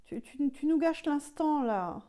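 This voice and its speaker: A woman's voice: high voice, animated, a little slow, dark tone. A woman speaking as a hypnosis subject in trance, reluctant and defiant, with short replies.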